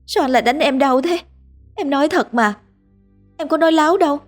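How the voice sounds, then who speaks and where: A woman's voice: medium pitch, moderate pace, darkish tone, breathy edge, faint music behind, voice pushed up, close to an everyday voice. A woman doing a timid, pleading young wife. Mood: tearful.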